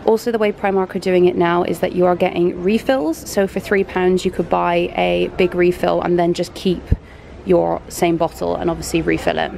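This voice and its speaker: Chatty British woman with a gravelly voice. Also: on the low side, steady tone, normal speed, darkish tone. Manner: chatty, enthusiastic about bargains. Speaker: home shopping vlogger. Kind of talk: casual shop-with-me narration. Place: large indoor homeware store. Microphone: handheld camera. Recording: noisy store ambience.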